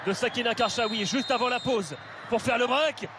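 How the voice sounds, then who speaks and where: A man giving excited live football commentary, play by play, shouting at big moments. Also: extremely high pitch, normal speed. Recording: loud stadium crowd noise. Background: roaring stadium crowd.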